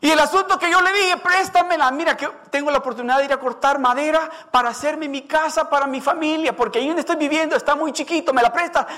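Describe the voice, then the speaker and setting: A man's voice: quick pace, few pauses, pushed and bright. A man doing a distraught, pleading woodcutter. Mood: anguished pleading. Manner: anguished, pleading, crying out high. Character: distraught poor man who lost a borrowed axe.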